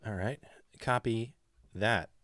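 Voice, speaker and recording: A man's voice: lowish voice, slow, a bit bright, no echo. A man hosting a music livestream, chatting in an upbeat, playful way while he works in his studio. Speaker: livestream host and music producer. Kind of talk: casual livestream chat. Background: music playing.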